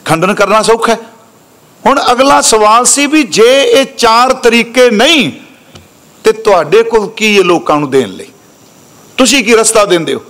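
A man from Punjab giving a sermon, chanting scripture lines slowly and drawn out, then explaining them to listeners in a respectful, teaching manner. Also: sits high, lively intonation, fairly bright tone. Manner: slows to a drawn-out chant when reciting verses, then explains briskly; addresses listeners respectfully, correcting pronunciation. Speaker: Sikh preacher giving scripture exposition.

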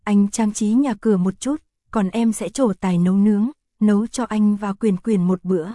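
A woman voicing an affectionate, pouty young man in an audio story, read in a soft, even voice. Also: mid-range voice, normal speed, no room sound, clean studio sound, close to an everyday voice. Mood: earnest.

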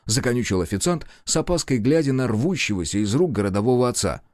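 A man narrating an audiobook in an expressive storytelling manner, voicing all the characters. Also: medium pitch, quick pace, dry recording, clean studio sound. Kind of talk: scripted narration.

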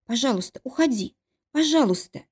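A tearful young princess, as a woman reader puts her on, begging in a raised, trembling voice. She sounds cornered and close to breaking, and her pleas climb high. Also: very animated, unhurried, dark tone, breathy edge, exaggerated voice. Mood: pleading. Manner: pleading, near tears, higher than the narration. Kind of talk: audiobook character reading.

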